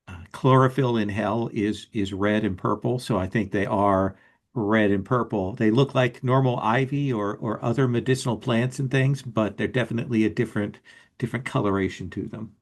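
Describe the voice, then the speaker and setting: A man chatting casually as a player in a tabletop role-playing game, hesitant and thinking aloud. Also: fairly low pitch.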